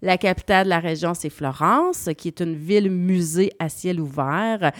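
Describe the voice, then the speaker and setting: A woman's voice: lowish voice, lively intonation, normal speed, no room sound. A woman with a Québécois accent presenting a travel column on the radio, explaining destinations and spelling out names. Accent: Québécois French.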